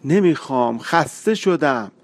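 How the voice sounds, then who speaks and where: A man's voice: medium pitch, expressive, voice pushed up, natural voice. A man reading a story aloud and voicing a stubborn, tearful young woman who pleads to be taken along. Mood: tired.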